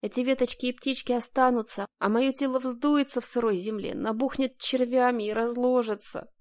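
A woman's voice: a little high, steady tone, normal speed, a little mellow. A woman narrating a first-person audiobook in a dramatic, emotional reading.

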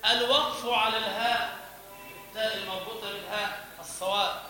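A man's voice: high-pitched, fairly even intonation, a little fast, sharp tone, soft background music. A man giving a religious lesson on pronouncing the call to prayer, demonstrating sounds by chanting and repeating syllables. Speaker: teacher of the call to prayer and Quran recitation. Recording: echoey hall.

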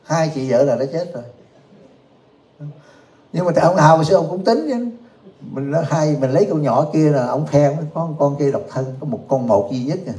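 A man's voice: a little high, expressive, moderate pace, mellow. A man giving a humorous Buddhist Dharma talk to a live audience. He jokes, laughs often and keeps asking the listeners questions. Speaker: Buddhist teacher. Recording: echoey room.

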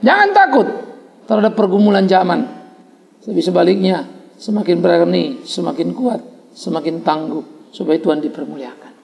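A man preaching a sermon as a pastor, emphatic, with repeated refrains and sudden leaps in pitch. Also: steady tone, moderate pace, vocal fry, mellow, in a large hall.

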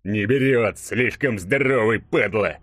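A man reading an audiobook, voicing a brash burly young man who boasts and jokes loudly. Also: on the low side, animated, normal speed, dry recording, clean studio sound. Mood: defiant. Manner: loud, swaggering, joking. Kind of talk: audiobook character voice.

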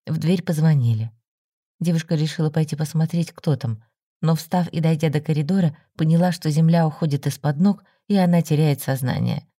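Brief: woman audiobook narrator, steady and mellow, dry close recording. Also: low-pitched, brisk, no room sound. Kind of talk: audiobook story reading.

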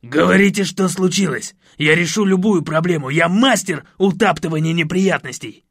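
A brash, boisterous music producer, as a male narrator puts him on in an audiobook. He booms and pushes, with a high, gravelly voice. The sound is dry and close. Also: normal speed, no echo. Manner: pushy, boisterous, shouting. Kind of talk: audiobook character voice.

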